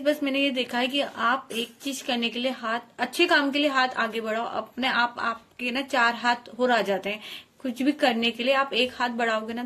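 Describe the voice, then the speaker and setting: Woman, vlogger, earnest, chatty, slightly high voice. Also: a bit bright. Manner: earnest, chatty, addresses viewers as guys. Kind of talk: casual storytelling to camera.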